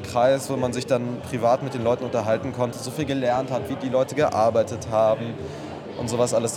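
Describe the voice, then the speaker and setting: A young man answering interview questions casually and enthusiastically, with many fillers. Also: mid-range voice. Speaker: festival participant. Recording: crowd chatter at a busy event.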